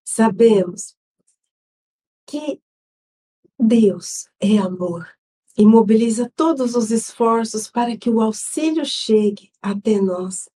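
A Brazilian woman hosting an online Spiritist gospel study, leading an opening prayer and reading a devotional text in a solemn, measured way. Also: on the high side, lively intonation, mellow. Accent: Brazilian Portuguese. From Brazil, São Paulo state.

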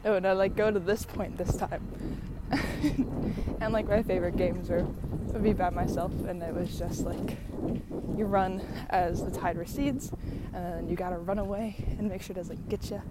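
A young woman from San Diego chats casually on her own while walking outdoors near traffic, musing, effusive, rambling, and quick to laugh. Her fairly low voice holds a steady tone at normal speed. Passing trucks, vehicles, and ambient noise fill the background.

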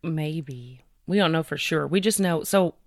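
A woman with a deep voice co-hosts a true-crime podcast, casually discussing cases with fillers and reading the details slowly. The recording is studio quality with no echo.

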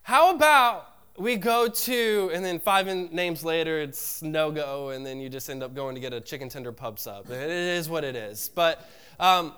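Congested young pastor, smooth voice. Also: male voice, fairly high pitch, normal speed, a bit bright. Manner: casual, conversational preaching with playful acted-out dialogue. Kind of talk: sermon.

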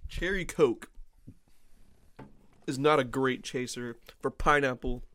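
A young man co-hosting a casual podcast, joking crudely and swearing often with a loose, drawn-out delivery. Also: medium pitch, a bit bright. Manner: profane, joking, drawn-out drawl. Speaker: podcast co-host.

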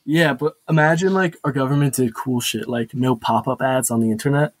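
A man's voice: mid-range voice, steady tone, brisk. A young American man hosting a casual podcast, chatting in a laid-back, slangy frat-bro way. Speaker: podcast host.

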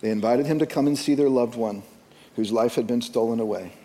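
A man preaching a sermon as pastor, slow and deliberate, dropping soft and then rising with emphasis. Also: mid-range voice, big-room sound.

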